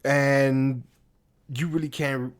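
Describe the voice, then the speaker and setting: A young man in casual podcast chat, swearing freely as he rambles from one thought to the next. His voice sits at an ordinary middle pitch, and it jumps up when he laughs and retells his favorite scenes. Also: fairly even intonation, takes it slowly, a crowd in the background. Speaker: podcast co-host.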